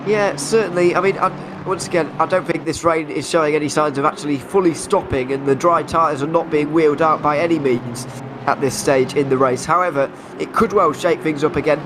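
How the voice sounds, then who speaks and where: A man's voice: on the high side, fairly quick, noisy background. A man with an English Midlands accent giving live commentary on a racing event. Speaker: motorsport commentator.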